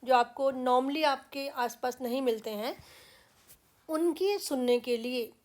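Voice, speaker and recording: A woman's voice: high voice, takes it slowly, a little mellow. A woman from India with an Indian English accent, teaching English pronunciation patiently and repeating example words with care.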